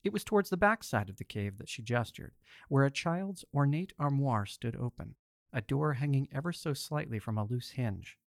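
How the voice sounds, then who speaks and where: A man's voice: mid-range voice, animated, moderate pace, vocal fry, no echo, studio quality. A man hosting and narrating an audio story collection in a theatrical storyteller manner. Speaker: host and narrator.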